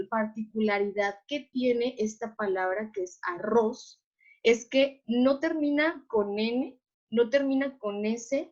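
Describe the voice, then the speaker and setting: A woman with a fairly high voice leads an online class, patiently explaining and pausing again and again to ask if everyone is following. The sound is slightly dull and lo-fi, as over a video call. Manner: patient, checks understanding with repeated questions. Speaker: teacher.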